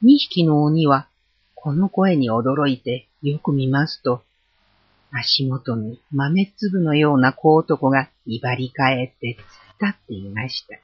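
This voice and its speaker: A storyteller reading a folk tale aloud with an expressive, varied delivery. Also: mid-range voice, slow, slightly rough, no room sound. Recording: dull lo-fi recording.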